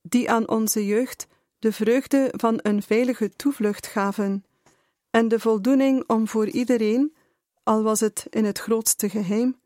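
A woman reading a memoir aloud in a measured, deliberate way. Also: on the high side, dark tone, no room sound, studio quality. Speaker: reader.

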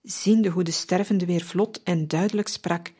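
A woman narrating a religious biography in a measured, unhurried reading. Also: fairly low pitch, steady tone, dark tone, slightly rough.

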